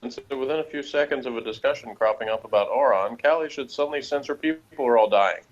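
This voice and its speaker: An American man co-hosting a TV review show chats casually and jokingly in a wry manner, speaking fast in a medium-pitched voice. The recording's highs are cut off.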